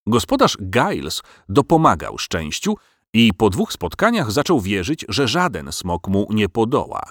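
A man narrating a storybook in an expressive, measured way. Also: fairly low pitch, no room sound, clean studio sound.

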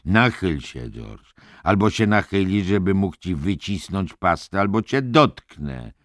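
A man voicing a menacing male hospital orderly who taunts with mock gentleness, in an audiobook reading. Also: low voice, sing-song, measured pace, no room sound, clean studio sound, pitched above the performer's own voice.

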